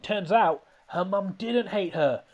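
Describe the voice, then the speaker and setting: A man's voice: high voice, slow. A man hosting a podcast, rambling and laughing as he recaps a film in casual comedic chat. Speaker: podcast host.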